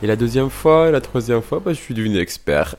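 A man's voice: medium pitch, very animated, quick pace, a little mellow, faint music behind. A man in his twenties from Morocco, a drag queen, talking casually about his life with many fillers and restarts. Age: 20s. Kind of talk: personal interview monologue.

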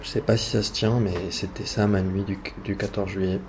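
A man's voice: on the low side, level tone, background noise. A young man telling a personal night-out story in a casual, wry way, with frequent hesitations. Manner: casual, wry, fillers and pauses. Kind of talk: first-person spoken story.

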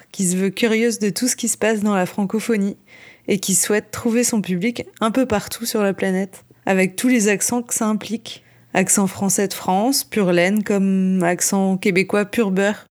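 A woman co-hosts a podcast, reading from a script while dropping in casual asides. Her mid-range voice holds a steady tone at normal speed, with music playing behind her.

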